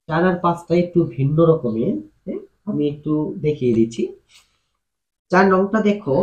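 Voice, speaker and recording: A man's voice: on the high side, highs cut off. A man teaching a math lesson, explaining patiently and asking his students questions as he goes. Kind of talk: classroom-style math lesson. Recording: echoey room.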